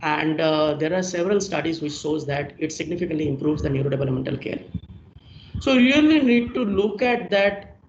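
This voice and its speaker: A man's voice: fairly high pitch, lively intonation, fairly quick. A man giving a technical presentation on a video call, explaining each point step by step and summing up, heard through a screen recording. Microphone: computer mic on a video call. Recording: echoey, dull video-call audio with faint hiss.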